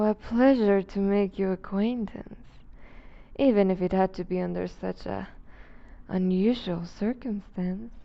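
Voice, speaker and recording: A centuries-old vampire duchess, played by a woman, purrs slowly in a creaky, breathy voice. She is refined and predatory, condescending and teasing in formal, theatrical phrasing. It is an intimate ASMR roleplay with slightly muffled sound. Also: mid-range voice. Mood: gracious, wistful.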